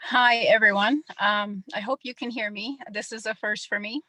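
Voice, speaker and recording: A woman's voice: medium pitch, fairly even intonation, moderate pace, sharp tone, no room sound, poor audio. A middle-aged woman, somewhat nervous, giving a personal testimonial on a group call.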